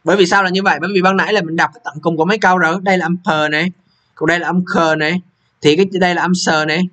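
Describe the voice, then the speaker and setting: A man's voice: sits high, level tone, racing, a bit bright. A young man, walking students through an English exam, repeating question numbers and checking they follow. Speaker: English teacher. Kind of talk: exam walkthrough lesson.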